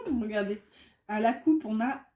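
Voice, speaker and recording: A woman gives a relaxed tarot reading in a somewhat high, mellow voice. She chats freely, piling up fillers and correcting her own words as she goes. The room around her sounds echoey. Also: normal speed. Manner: chatty, many fillers and self-corrections, laughs at herself. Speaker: tarot card reader.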